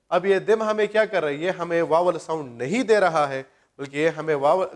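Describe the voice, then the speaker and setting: Male grammar teacher, high-pitched voice, answers his own questions as he explains. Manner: slows down to read example sentences aloud. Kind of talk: grammar lecture.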